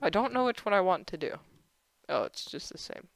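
A woman's voice: fairly low pitch, big pitch swings, fairly quick. A woman chatting casually as she plays through a game. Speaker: gamer playing a custom map. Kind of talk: casual gameplay chat. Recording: clearly noisy home game recording.

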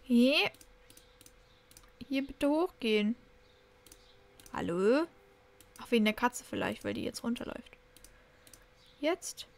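A young woman casually commenting while she plays a life-simulation game, chatty and cooing excitedly over new kittens. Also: fairly high pitch, measured pace, long pauses. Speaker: Sims let's play host.

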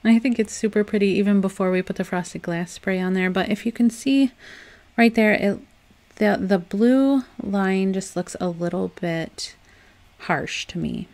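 A young woman talks through a craft tutorial at home in a loose, friendly voice-over. She sounds chatty and upbeat, with a gravelly fry at the ends of her phrases. Her pitch sits in an ordinary middle range. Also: measured pace. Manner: chatty and upbeat, with soft laughs and loose restarts. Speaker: DIY home decor vlogger.

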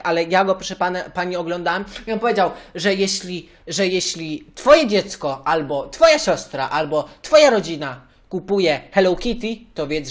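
A man's voice: sits high, fairly bright tone. A man voicing a hot-tempered young male churchgoer in a prank phone call, ranting and repeating the same phrase of address.

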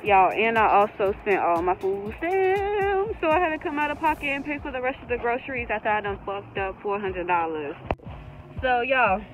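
High-voiced chatty mom vlogger. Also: female voice, lively intonation, normal speed, lo-fi sound, music in the background. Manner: chatty, teasing, addresses viewers directly. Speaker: vlog host, mother. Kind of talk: casual shopping vlog chat.

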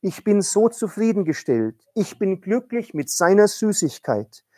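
Preacher doing a poor young believer woman, soft and fervent, kinda low and quiet, no echo. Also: very animated, measured pace, clean studio sound. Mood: content.

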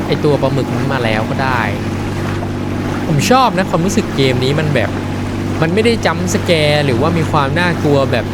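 A man talks his way through a game in a fairly high voice, chatty and quick to get excited. A steady hiss of noise sits under his voice. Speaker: gaming streamer. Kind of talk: live game commentary.

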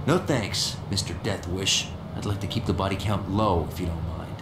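A man playing a young, earnest, wisecracking superhero in a video game, sarcastic and expressive. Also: low-pitched, normal speed, background noise, close to an everyday voice. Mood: wry. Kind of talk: video game cutscene acting. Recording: echoey, under loud music.

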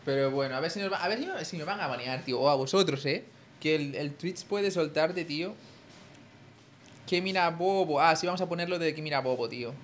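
A young Spanish man with a Spanish accent chats casually with viewers on a live stream, calling the chat "tío." His voice is a little high and brisk, and there's a faint hiss or hum.

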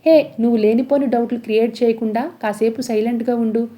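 Scheming middle-aged villainess, sly and defensive, mellow voice, read by a woman. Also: a little high, fairly even intonation, quick pace, natural voice.

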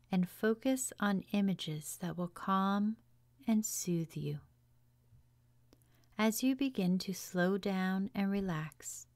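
A woman leading a guided relaxation meditation in a soft, hushed, soothing voice, leaving long pauses between phrases. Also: medium pitch. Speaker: yoga teacher guiding meditation.

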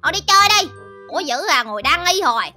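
A woman's voice: very high-pitched, big pitch swings, fast talker, sharp tone, soft background music. Chattery woman in a game skit. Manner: chattery, whiny exclamations. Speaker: co-host character. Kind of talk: game machinima role-play.

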